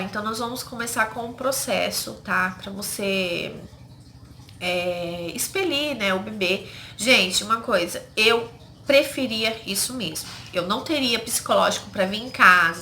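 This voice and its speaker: A woman's voice: mid-range voice, pushed and bright. A woman from Brazil telling viewers a personal story in a casual, emotional way, often calling them "gente" and quoting what others said. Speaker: vlogger. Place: home. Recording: echoey home room with faint noise.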